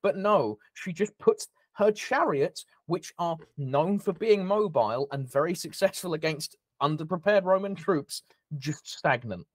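A man co-hosting a casual history podcast, talking excitedly and tripping over his words. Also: on the high side, a little slow, dry recording. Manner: excitable, stumbles and repeats words. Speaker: podcast co-host.

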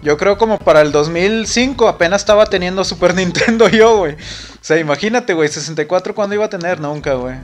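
A man's voice: high voice, fast talker, soft background music. Raised-voice Mexican man ranting casually. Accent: Mexican Spanish. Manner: rambling, profane, says "güey" constantly. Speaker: streamer. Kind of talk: casual chat while gaming on a live stream.

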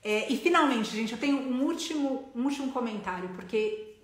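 A woman's voice: a little high, expressive, normal speed, reverberant. A Brazilian woman hosting an animal sanctuary livestream, speaking earnestly in casual talk that turns impassioned. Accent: Brazilian Portuguese. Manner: earnest, grows impassioned and emphatic.

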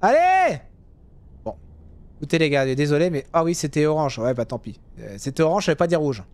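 Casting: young gamer, slightly high voice, joking commentary with sudden outbursts. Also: male voice, fast talker. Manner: chatty, jokey, swings to loud yelling at drivers. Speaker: gaming youtuber. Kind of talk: casual gameplay commentary.

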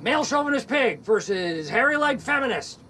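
A brash tennis hustler, very high-pitched. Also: male voice, very animated, normal speed, bright, forceful tone, a little hiss or hum, heavily acted. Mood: cocky. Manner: brash, mocking, boastful. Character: boastful middle-aged male tennis hustler. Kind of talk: film dialogue.

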